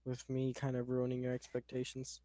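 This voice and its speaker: A man's voice: medium pitch, monotone, fairly quick, mellow, no echo. A young man co-hosting a casual chat, rambling with many filler words. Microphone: own microphone on a tripod.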